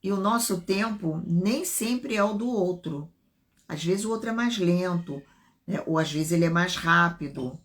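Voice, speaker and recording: A woman's voice: fairly low pitch, a little slow. A middle-aged woman with a Brazilian Portuguese accent, hosting a live talk and explaining as she goes, often repeating phrases and checking in with "né?". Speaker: live stream host and self-development speaker. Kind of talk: unscripted live talk on relationships.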